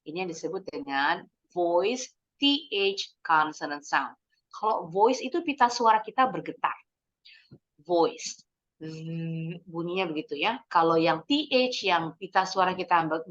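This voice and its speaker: A woman English teacher leading a kids' lesson, slowly modeling words for the class to repeat, mixing English phrases into her explanations and praising answers. She clears her throat often. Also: on the low side, a bit bright, dull audio. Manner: encouraging praise after answers. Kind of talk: online English lesson for kids.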